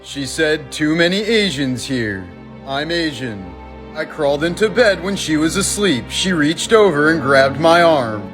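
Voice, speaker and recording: A man reading creepy facts and stories in a measured, scripted narration. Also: a little high, a bit bright.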